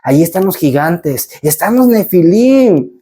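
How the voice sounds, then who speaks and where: A man's voice: sits high, big pitch swings, unhurried, mellow, breathy edge, heavily acted. A man acting out a group of frightened scouts in a retold scripture story. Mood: fearful. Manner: fearful, pleading.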